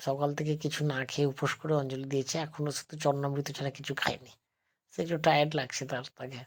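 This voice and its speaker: This mid-range male voice belongs to a West Bengal travel vlogger recording on a handheld phone while wandering temple grounds. He talks to viewers like friends, slowly and softly due to a sore throat, and his casual narration barely rises or falls in pitch.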